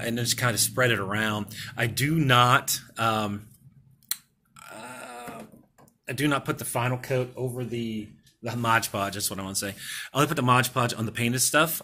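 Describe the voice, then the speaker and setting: Bright-voiced man rambling through a hobby vlog. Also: medium pitch. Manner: rambling, hesitant, lots of fillers and restarts. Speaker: toy customizer. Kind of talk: casual hobby vlog walkthrough.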